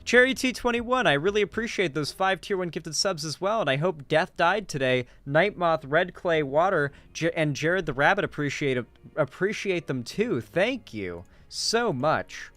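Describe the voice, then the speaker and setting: A man's voice: on the high side, lively intonation, moderate pace, hardly any pauses, a bit bright, no room sound. A man hosting a livestream, chatting and reacting in a casual, rambling, profane way. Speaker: livestream host.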